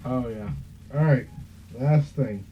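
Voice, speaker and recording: A man's voice: medium pitch, slow pace. Offhand joking young man. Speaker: podcast guest. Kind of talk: casual chat. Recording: muffled with faint hiss.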